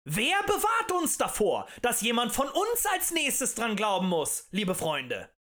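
A man voicing a fiery male demagogue who rants and shouts at a tavern crowd in an audiobook. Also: extremely high pitch, huge pitch swings, a little slow, pitched above the performer's own voice, heavily acted. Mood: ranting. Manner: ranting, shouting, rhetorical and accusing.

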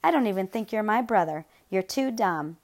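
A woman's voice: medium pitch, expressive, moderate pace, lightly acted. A woman voicing a smug older boy who taunts his brother with sing-song insults. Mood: taunting.

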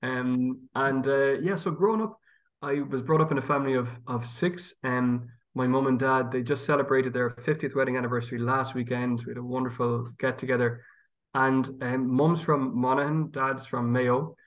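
Steady and medium-pitched at a normal speed, this man speaks with a west of Ireland accent from County Galway. He's a priest being interviewed, talking in a thoughtful, conversational way, and the recording is low quality.

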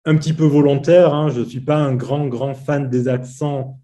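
A man with a light southern French accent talks in an easygoing, rambling way. His voice is dark and mellow, with a middle pitch. He speaks hesitantly, and fillers and restarts run through his sentences. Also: normal speed. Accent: southern French, softened. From southeast France. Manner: relaxed, hesitant, many fillers. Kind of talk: casual conversation.

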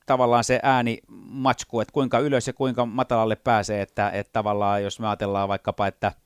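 A man's voice: fairly low pitch, level tone, clean tone, no room sound, clean studio sound. A man who works as a voice impressionist, talking casually in an interview and often hesitating as he searches for words. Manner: hesitant, many fillers and restarts, slips into impressions. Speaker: voice impressionist guest.

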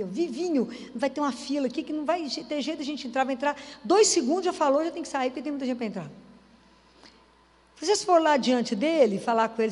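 High-voiced woman preaching in a hall. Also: a little mellow. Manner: conversational, asks the audience rhetorical questions. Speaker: lay preacher.

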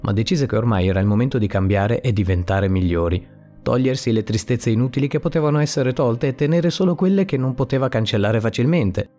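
A man reads a story aloud in a steady, plain manner. His voice sits at a medium pitch. Gentle music plays faintly behind him. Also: fairly quick. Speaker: narrator. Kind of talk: scripted story narration. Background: soft music.

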